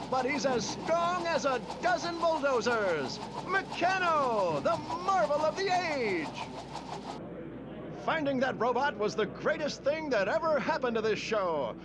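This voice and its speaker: A man playing an excitable, bragging circus ringmaster in an animated comic, barking like a showman amid noisy ambience. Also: very high-pitched, measured pace. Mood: boastful. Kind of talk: animated superhero comic voice acting. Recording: noisy busy outdoor ambience.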